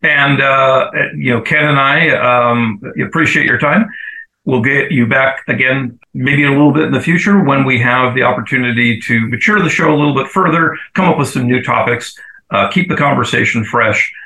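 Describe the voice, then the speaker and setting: A man co-hosting a casual show over a video call, talking haltingly through a wrong mic input that gives him a cave-like echo. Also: medium pitch, sharp tone. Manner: halting, many fillers. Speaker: co-host. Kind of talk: casual chat.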